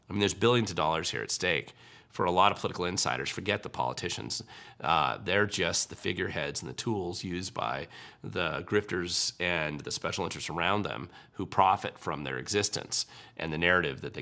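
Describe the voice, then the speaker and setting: On a casual political commentary livestream, a man with a low, gravelly voice that carries a bright edge responds to viewer questions. He's wry and relaxed, with lots of ums and restarts.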